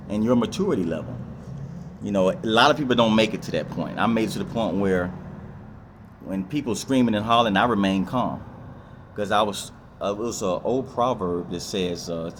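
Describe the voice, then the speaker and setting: A man's voice: medium pitch, noisy background. A man in a casual advice monologue, rambling and repeating himself with lots of fillers. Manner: rambling, repetitive, with many fillers and acted-out quotes. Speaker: vlogger.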